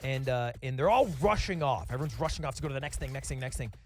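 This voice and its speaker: A man's voice: mid-range voice, expressive, fast, soft background music. A man in casual group chat, telling a long anecdote in a rambling way and acting out the people he quotes. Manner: rambling storyteller, acts out quotes.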